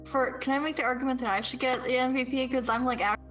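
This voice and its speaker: A woman's voice: high voice, flat delivery, quick pace, a bit bright, soft background music. A woman playing a tabletop game over an online call, chatting casually while her voice keeps cutting out in choppy bits. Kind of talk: casual chat.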